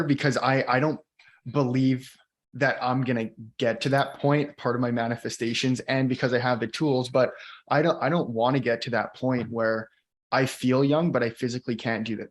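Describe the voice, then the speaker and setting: Chatty man in his thirties. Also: mid-range voice. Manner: animated, chatty, laughs easily. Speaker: co-host. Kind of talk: casual conversation.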